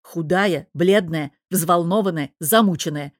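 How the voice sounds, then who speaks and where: A woman voicing a gruff, crude swearing man. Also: fairly low pitch, measured pace, no echo, studio quality. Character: gruff foul-mouthed blunt man, the hero's friend. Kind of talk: audiobook character voice.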